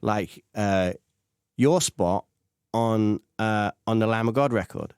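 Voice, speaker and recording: A man's voice: lowish voice, slow pace, darkish tone, smooth, no echo, studio quality. Enthusiastic male podcast host. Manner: enthusiastic, laughs often, uses fillers. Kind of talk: casual interview chat.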